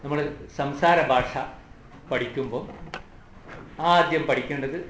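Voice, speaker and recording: A man teaching a lesson, slow and patient, repeating words for the class to recite. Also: mid-range voice, fairly bright tone. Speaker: Arabic teacher. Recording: echoey room, faint ambient noise.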